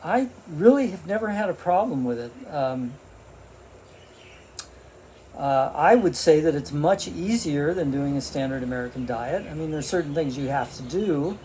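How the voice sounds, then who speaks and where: A man's voice: a little high, animated, normal speed, a little mellow, a little hiss or hum. A man in his seventies talking casually to a vlog camera, rambling with lots of fillers and restarts. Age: 70s. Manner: talking with his mouth full while eating. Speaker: vlogger.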